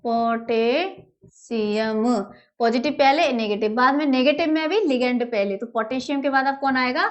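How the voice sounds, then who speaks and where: A woman's voice: high voice, brisk, few pauses. A woman teaching chemistry at a whiteboard, affectionately calling her students "beta", repeating key terms and answering her own questions. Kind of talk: whiteboard lesson, explaining step by step.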